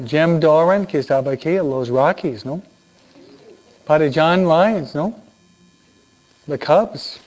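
A man gives a humorous homily as a priest, laughing as he goes and keeping the talk chatty with quick tag questions. His voice sits fairly high for a man and moves at an unhurried pace. The recording is dull and lo-fi. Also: darkish tone.

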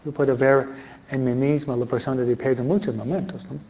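A man's voice: medium pitch, fairly even intonation, brisk, dark tone, dull audio. A man preaching a sermon in a conversational way, often asking his listeners questions. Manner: conversational, asks the audience questions.

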